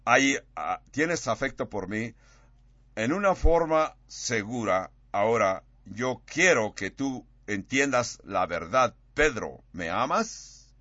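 A man's voice: expressive, slow, pushed and bright, no room sound, dull audio. Man preaching with dramatic voice swings. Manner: dramatic, acts out quoted dialogue with big pitch swings. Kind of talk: sermon.

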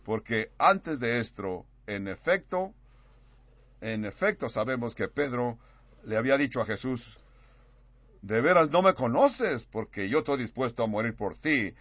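A man preaching a sermon, acting out quoted dialogue with big swings in pitch and loudness. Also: expressive, moderate pace, dry recording, muffled recording.

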